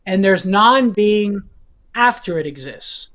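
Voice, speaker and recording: Deliberate man explaining, with a cough. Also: high-pitched, lively intonation, a bit bright. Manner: deliberate, repeats phrases, checks in with okay. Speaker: guest teacher. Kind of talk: explaining philosophy to hosts.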